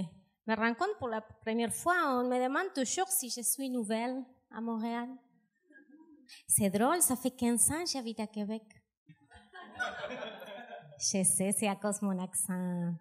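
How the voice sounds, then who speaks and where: Deadpan female stand-up, unhurried, pausing before punchlines. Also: fairly high pitch. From South America. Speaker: stand-up comedian. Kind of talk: stand-up set. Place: comedy club stage.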